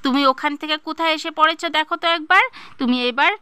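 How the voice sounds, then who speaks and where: A woman with a high, bright voice who talks in a scolding, nagging way, like a mother telling off a stubborn pet. The sound is dry and close to the mic. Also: little pitch movement, very fast, no room sound. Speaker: vlogger playing the parrot's mother. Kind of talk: comedic home skit.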